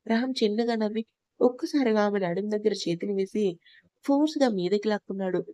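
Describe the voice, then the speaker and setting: A woman narrating an audio love story with a steady, expressive reading. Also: medium pitch, brisk, dry recording.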